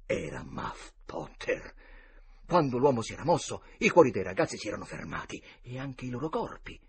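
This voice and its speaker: Husky expressive storybook reader man. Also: mid-range voice, normal speed. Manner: dramatic, varied delivery. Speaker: audiobook reader.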